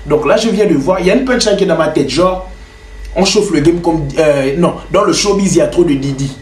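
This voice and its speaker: A man's voice: fairly high pitch, brisk, a little mellow. A young man explaining in a casual, loose way how he builds a rap track, with lots of fillers. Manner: loose and chatty, many fillers like "genre". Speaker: home music producer and rapper. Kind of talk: casual tutorial talk to camera. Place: his bedroom. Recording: roomy bedroom echo.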